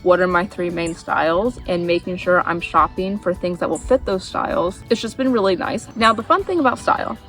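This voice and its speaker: A woman's voice: on the low side, fairly quick, few pauses, fairly bright tone, distant mic, soft background music. A young woman chatting casually to viewers in an informal, self-deprecating way, with a slight lisp from dental aligners. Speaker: style vlogger. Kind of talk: casual chatty vlog narration.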